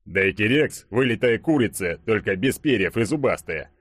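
A man reading an audiobook, voicing a brash burly young man who boasts and jokes loudly. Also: on the low side, animated, moderate pace, no room sound, clean studio sound. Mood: boastful joking. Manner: loud, swaggering, joking. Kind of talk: audiobook character voice.

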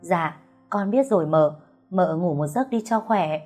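A woman's voice: lowish voice, animated, measured pace, mellow, faint music behind. A woman voicing a frightened, chatty young housemaid, talking in breathless, fretful bursts. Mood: worried.

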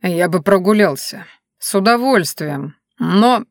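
A woman voicing a chained male bear forest spirit who speaks in curt, flat threats. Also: lowish voice, measured pace, dry recording, studio quality. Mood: gruff.

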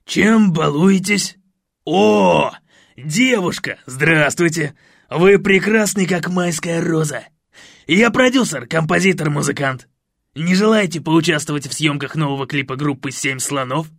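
A brash, boisterous music producer, as a male narrator puts him on in an audiobook. He booms and pushes, with a high, gravelly voice. The sound is dry and close. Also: measured pace, dry recording, exaggerated voice. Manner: pushy, boisterous, shouting. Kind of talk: audiobook character voice.

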